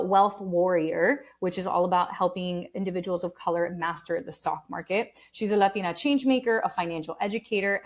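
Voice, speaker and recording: A woman hosting a podcast, reading an introduction in an upbeat, emphatic way. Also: on the low side. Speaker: podcast host and coach.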